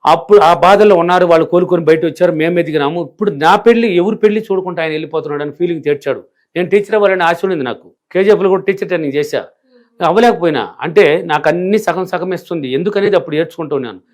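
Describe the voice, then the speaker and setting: Talking rapid-fire in a high voice, this middle-aged spiritual teacher from rural India answers an interviewer's questions. He is a villager who speaks emphatically, repeating himself to hammer every point home.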